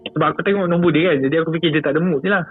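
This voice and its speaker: Speaking quickly in a slightly high, husky voice, a Malaysian man shares a spooky experience as a guest storyteller. His telling is easygoing and chatty, full of repeated phrases and frequent little chuckles. It sounds tinny, as if recorded over a phone.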